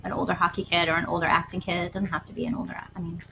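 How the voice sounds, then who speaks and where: A woman's voice: fairly low pitch, flat delivery, rapid-fire, creaky, noisy background. A woman and parent casually interviewing her child at home, prompting with leading questions and filling in answers. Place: family home.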